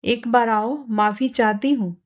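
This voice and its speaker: Woman reading as a sharp-tongued mocking young woman. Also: fairly high pitch, steady tone, measured pace, lightly acted. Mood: pleading. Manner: sarcastic, taunting. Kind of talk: storybook reading.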